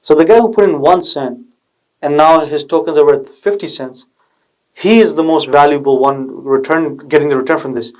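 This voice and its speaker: A man's voice: on the high side, moderate pace, darkish tone, poor audio. A man hosting a video channel, giving a casual motivational explainer in a slangy, pushy tech-bro manner. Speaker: video channel host giving investment advice.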